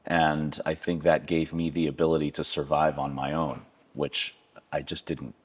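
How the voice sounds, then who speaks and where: A man, a violinist interviewing his former teacher, talking eagerly and haltingly, with many restarts. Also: rumbling low, little pitch movement. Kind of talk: conversational interview.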